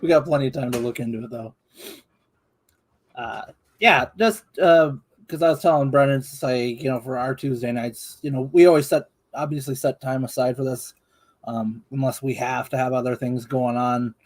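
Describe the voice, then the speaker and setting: A man's voice: medium pitch, steady tone, normal speed. A man co-hosting a live stream in casual chat, talking in a rambling, hedging, conversational way.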